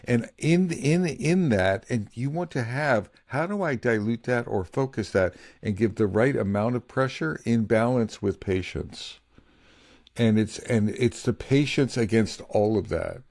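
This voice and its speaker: A man's voice: mid-range voice, a little slow, a little mellow, dry recording. A middle-aged man co-hosting a podcast on leadership, talking candidly and in a rambling way, sometimes getting feisty, close to the mic at home. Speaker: podcast co-host. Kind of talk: casual podcast chat. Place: home office.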